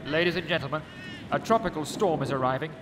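A formal airline captain, voiced by a male narrator, measured and polite on the cabin loudspeaker. He sits a little above the narrator's own voice, with clear noise running underneath. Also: on the high side, voice pushed up. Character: formal airline pilot making announcements.

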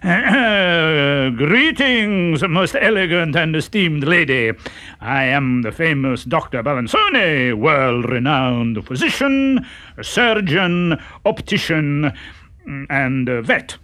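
A man's voice: fairly high pitch, very animated, slow pace, bright, forceful tone, heavily acted. A man voicing a young servant pretending to be a grand doctor, pompous yet hesitant.

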